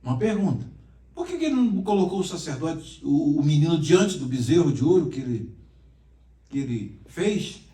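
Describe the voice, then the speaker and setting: A male pastor lectures a Bible class, quizzing his students and joking with them as he goes. His voice sits a little high for a man. It echoes around the room, picked up from a distance. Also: very animated, normal speed, mellow. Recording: roomy classroom echo, mic far off.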